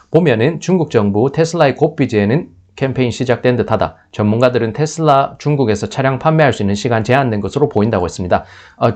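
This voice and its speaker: A man's voice: medium pitch, a little mellow. Male news commentator, unscripted, mid-range voice, frequent restarts. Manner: thinking aloud, with restarts and filler sounds.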